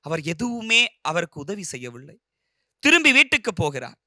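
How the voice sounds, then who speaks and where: A man retelling a short story with expressive, animated narration. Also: high-pitched, normal speed, dry recording, clean studio sound.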